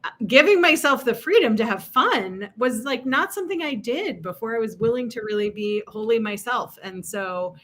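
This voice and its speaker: A woman's voice: on the high side, expressive, normal speed, a bit bright. A woman co-hosting a live-stream podcast, reading out listener topic ideas and chatting with many ums and frequent laughs. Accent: General American, New York accent lost. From New York. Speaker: podcast co-host.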